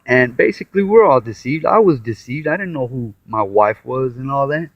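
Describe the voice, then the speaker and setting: A tired man talks casually about the Bible at normal speed, his medium-pitched voice showing lively intonation. As a self-taught commentator he meanders, sighing, restarting and acting out quotes, and the lo-fi recording is dry, dull and muffled.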